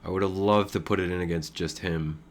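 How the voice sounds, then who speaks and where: A man's voice: deep voice, steady tone, brisk. A man commenting on his own online poker game in casual, thinking-aloud talk, with many fillers and chuckles.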